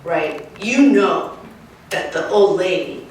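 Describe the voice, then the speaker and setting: A woman urban wildlife specialist giving a lively, emphatic outdoor talk, often checking in with her listeners. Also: lowish voice, takes it slowly. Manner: lively, emphatic, keeps asking the crowd "right?". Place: outdoors at a nature center. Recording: echoey, distant, faint noise.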